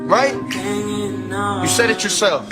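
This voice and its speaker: A man's voice: high-pitched, expressive, takes it slowly, loud music behind the voice. An actor playing a hurt young man who reproaches a friend, in a TV drama. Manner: bitter, reproachful. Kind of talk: TV drama acting.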